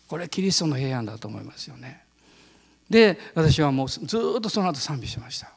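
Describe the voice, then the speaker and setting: A male pastor giving a sermon, telling a personal story in an animated way and laughing often. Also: mid-range voice, a little fast, gravelly, slightly rough, in a large hall.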